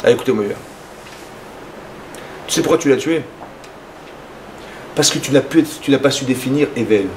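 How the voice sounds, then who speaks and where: A man giving a lively sermon as a rabbi, acting out little dialogues in his talk. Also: normal speed, long pauses, a little hiss or hum. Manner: animated, acts out dialogues with rising pitch.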